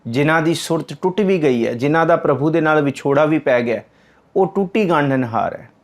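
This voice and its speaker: A man giving a religious discourse on scripture, explaining patiently and repeating key words, reciting verses slowly in a sing-song way. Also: fairly high pitch, expressive. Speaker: Sikh scripture teacher.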